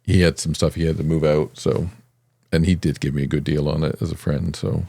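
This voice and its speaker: A man co-hosting a casual chat podcast, easygoing and quick to laugh at himself. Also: a bass voice, level tone, gravelly, warm tone, breathy edge, no echo. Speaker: podcast co-host.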